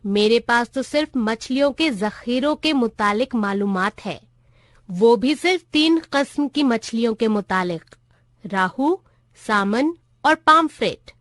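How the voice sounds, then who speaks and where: A woman's voice: fairly high pitch, animated, unhurried, fairly bright tone, no echo, studio quality. A woman voicing a curt, dismissive male government clerk in a storybook reading. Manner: curt, bureaucratic.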